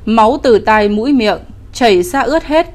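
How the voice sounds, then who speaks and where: A woman narrating a scripted ghost story in a steady, even storytelling delivery. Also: a little high, normal speed.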